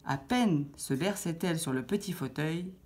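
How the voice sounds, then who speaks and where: A woman reading a children's fairy tale aloud with expressive storytelling. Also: deep voice, normal speed, slight background noise.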